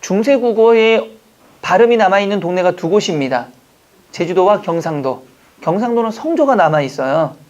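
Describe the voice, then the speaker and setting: A man's voice: high voice, expressive, a little mellow. Chatty male lecturer on a dull recording. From Jeju Island, Korea. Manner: chatty and joking, quizzing students with quick questions. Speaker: exam-prep Korean language instructor. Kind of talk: classroom lecture.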